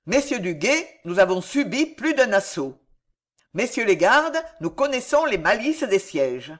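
A reader voicing a gruff, fearless old male soldier of fortune in an audiobook, booming and mocking. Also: big pitch swings, unhurried. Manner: booming, mocking battle cries. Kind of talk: audiobook character voice.

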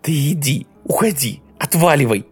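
A man's voice: expressive, normal speed, slightly rough, soft background music. A man reading an audiobook, voicing a young woman who pleads with her lover and then screams at him in anger. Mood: screaming. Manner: rising to shrill shouts.

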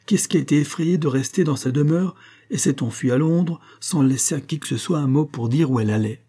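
A sly, fawning simpleton murmurs his insinuations in a slightly raised, husky voice, as a man puts him on. Servile and creeping in manner. Storybook reading. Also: fairly high pitch, brisk, mellow, pitched above the performer's own voice, lightly acted. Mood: insinuating. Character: sly, servile male village simpleton, muttering informer.

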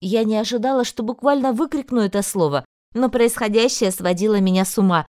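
A woman reading a first-person audiobook in an even, steady storytelling manner. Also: medium pitch, fairly quick, no echo, studio quality. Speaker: audiobook narrator.

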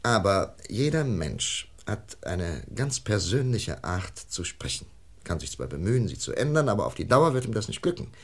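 An actor with a lowish male voice plays a calm, reassuring police inspector in a German radio crime play. He sounds measured and methodical as he explains.

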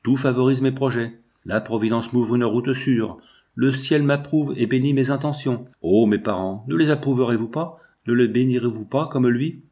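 A man's voice: medium pitch, normal speed, warm tone, lightly acted. Guy reading a devoted young daughter, earnest and pleading, storybook style.

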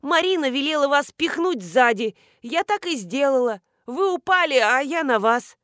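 Woman doing a panicky housekeeper lady, shrill and loud, high voice. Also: sing-song, moderate pace, no room sound, studio quality. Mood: flustered. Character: flustered nervous housekeeper woman. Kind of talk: audiobook character reading.

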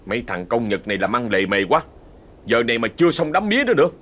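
A man's voice: medium pitch, very animated, fast, fairly bright tone. A man voicing a grumpy, bossy rich landowner who scolds and snaps. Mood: snapping. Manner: snapping, scolding.

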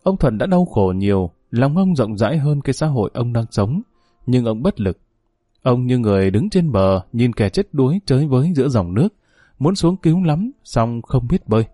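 Mellow, expressive male novel narrator. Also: mid-range voice, no echo, studio quality.

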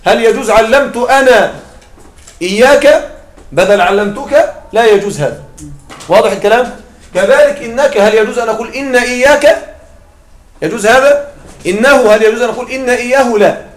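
A man teaching an Arabic grammar class. He keeps checking in with his students with short questions and slowly spells out his example phrases. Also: very high voice. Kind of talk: classroom lecture. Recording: echoey room with faint noise.

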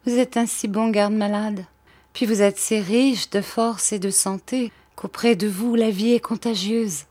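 A woman voicing a dying noblewoman in an audiobook, feverish and childlike, pleading in a breathless, high voice. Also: fairly even intonation, measured pace, darkish tone, no echo, lightly acted. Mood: tender pleading. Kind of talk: audiobook character voice.

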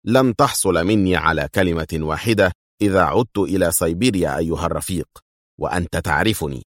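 A man voicing a composed secret agent hero who speaks calmly and with dry mockery. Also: sits low, dry recording. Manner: calm and dryly mocking. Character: calm, sardonic male secret agent hero.

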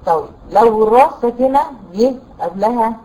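A woman with an Egyptian Arabic accent teaching a tajweed lesson, explaining rules patiently, quizzing her students and reciting examples slowly. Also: on the high side, lively intonation, mellow, low-quality recording. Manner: quizzes students with rhetorical questions.

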